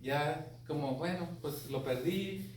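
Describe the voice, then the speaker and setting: A man's voice: a little high, takes it slowly. A man with a Mexican accent giving a casual, profane talk, often checking whether listeners follow him. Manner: profane, colloquial, often asks "me entiendes". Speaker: speaker on grief. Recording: echoey room, distant mic, faint noise.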